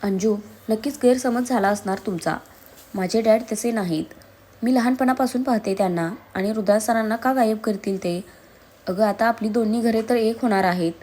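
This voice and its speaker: A woman's voice: on the high side, normal speed, warm tone, close to an everyday voice. A woman reading the part of a confused, emotional young woman defending her father in a storybook reading. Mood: pleading.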